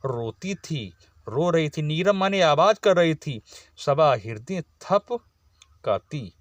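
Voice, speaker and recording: A man's voice: a little high, animated, slow, dry recording. A man teaching a class, reciting lines of poetry and explaining each phrase in plain words. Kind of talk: line-by-line poetry explanation lesson.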